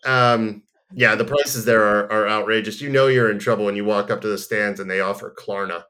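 A man's voice: on the low side, steady tone, fairly quick, sharp tone. A man hosting a casual podcast, chatting in an easygoing, rambling way and reading a sponsor spot. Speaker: podcast host. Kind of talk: casual chat and live ad read.

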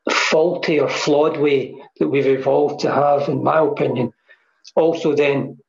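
Over a video call, a male guest with a gravelly voice on the high side reflects on mindfulness, repeating phrases to stress them. The computer mic gives the sound a dull, echoey quality.

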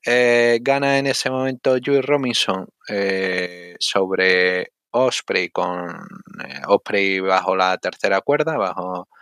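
A man co-hosting a casual sports discussion, thinking aloud in a halting way and often adding little tag questions. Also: sits low, steady tone, a bit bright, clean tone, no room sound, clean studio sound. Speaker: wrestling podcast host.

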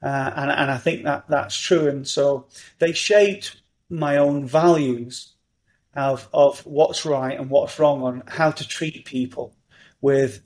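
A middle-aged man, talking as a podcast guest in an animated, upbeat way. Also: mid-range voice, slow. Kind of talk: conversational interview.

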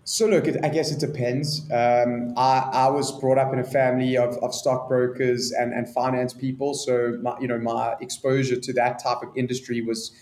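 A man from South Africa with a South African accent, answering interview questions in a measured, businesslike way. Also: medium pitch, level tone, darkish tone, roomy sound. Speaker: guest, business expert.

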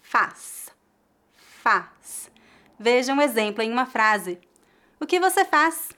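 A woman's voice: on the high side, lively intonation, normal speed, fairly bright tone, clean tone. A woman with a Brazilian Portuguese accent giving a scripted pronunciation lesson, carefully articulating and repeating each word for learners. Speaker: language teacher.

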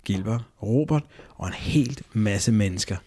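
A man's voice: lowish voice, animated, warm tone. A man co-hosting a casual podcast chat, reading a listener's story aloud and laughing often. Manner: laughs often, stammers and restarts.

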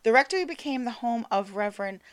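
Woman podcast co-host, slightly high voice, loose casual storytelling, trips over words and laughs it off. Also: expressive, fast talker. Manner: stumbles over names and words, laughs at herself; swears casually.

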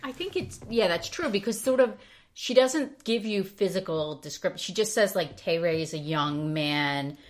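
A woman with a notably low voice talks about books on a casual podcast. She thinks aloud, softening her points with frequent hedges. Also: expressive, normal speed. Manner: thoughtful, hedging with "sort of". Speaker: podcast co-host. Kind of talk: casual book discussion.

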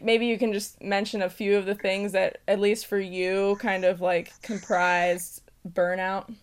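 A woman's voice: medium pitch, level tone, measured pace, smooth, no room sound. A woman hosting an interview, framing thoughtful questions for her guest. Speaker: podcast host.

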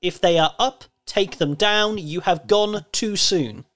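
Podcast co-host: man, 30s, Cornish accent, higher-pitched, conversational, teasing with mock formality. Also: measured pace, a bit bright. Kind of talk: casual chat.

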